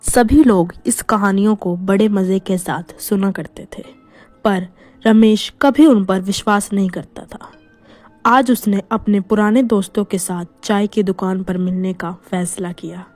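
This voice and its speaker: A woman narrating a scripted horror story in a hushed, suspenseful manner. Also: medium pitch, fairly even intonation, measured pace, faint music behind.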